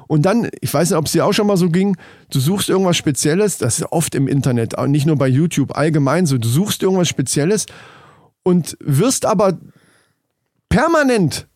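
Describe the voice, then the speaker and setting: A man's voice: a little high, animated, moderate pace, a little mellow, no room sound. Rambling German man in dry close chat. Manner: rambling, restarts sentences, swears casually. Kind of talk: casual chat.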